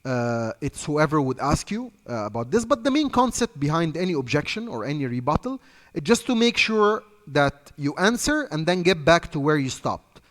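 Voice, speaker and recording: Speaking at normal speed with a fairly high, slightly bright voice and big pitch swings, an Egyptian-accented man coaches trainees in sales. The hall echoes, and he improvises, repeating himself with emphasis.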